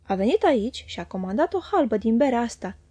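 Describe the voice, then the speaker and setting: A woman's voice: fairly high pitch, very animated, mellow, slightly rough, no room sound. A woman reading an audiobook and voicing a chatty, coaxing, greedy male inn waiter.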